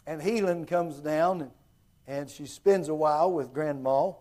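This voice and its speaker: A man with an Appalachian accent preaching in a folksy storytelling style, halting and circling back to repeat his phrases. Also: fairly high pitch, mellow. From Appalachia, southwest Virginia.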